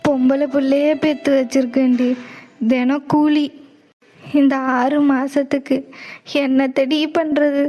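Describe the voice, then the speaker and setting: A careworn middle-aged village mother in a cartoon drama, with a high voice. She talks in a plain, rustic manner, full of anxiety. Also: little pitch movement, takes it slowly, dark tone. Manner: anxious, plain-spoken, rustic. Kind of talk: animated cartoon voice acting.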